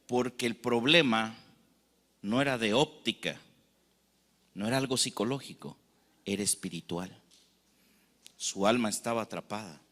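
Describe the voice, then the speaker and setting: A man's voice: mid-range voice, sharp tone, big-room sound. A man with a Mexican accent preaching a sermon as pastor, telling stories and acting out the people in them. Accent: Mexican Spanish. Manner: storytelling preacher acting out anecdotes.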